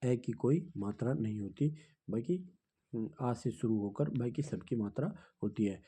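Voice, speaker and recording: A man's voice: medium pitch, moderate pace, dark tone, breathy edge. A man teaching a grammar lesson, explaining step by step and counting items aloud, with frequent hums and check-ins. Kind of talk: slow classroom explanation of grammar.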